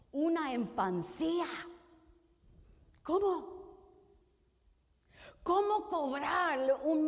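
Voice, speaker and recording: A woman minister preaches with a high, bright-sounding voice, letting each word stretch out very slowly. She stacks up rhetorical questions and at times swells into a shout. Her voice rings with the long reverb of a church hall. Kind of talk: sermon.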